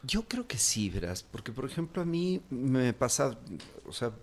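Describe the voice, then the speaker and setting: An actor with a Quito Ecuadorian Spanish accent chats casually as an interview guest, rambling with lots of fillers and restarts. His mid-range voice is sing-song and moves at a normal speed.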